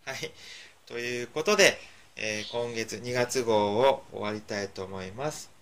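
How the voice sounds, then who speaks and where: A man hosting a homespun radio segment, chatting playfully with a young child. His voice is bright and forceful, and he keeps teasing and coaxing her along with easy laughter. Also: mid-range voice, measured pace, a little hiss or hum. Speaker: radio host.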